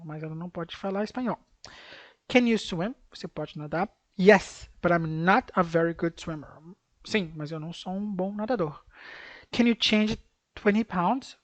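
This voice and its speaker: A man with a Brazilian Portuguese accent explains English grammar in a video lesson, repeating example sentences slowly and deliberately. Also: sits high, dry recording. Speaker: English teacher.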